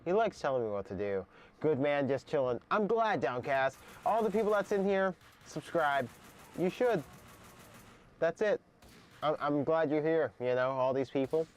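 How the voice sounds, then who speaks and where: Young male streamer, lively pitch, cursing and griping at chat. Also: moderate pace. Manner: frustrated, swearing, talks to chat. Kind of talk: live gameplay stream.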